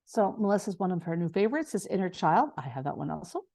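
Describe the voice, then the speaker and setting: A woman's voice: on the low side, very animated, quick pace, creaky, dark tone. A woman co-teaching a casual online class, talking with passion and often stumbling over her words. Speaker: essential oils class co-teacher.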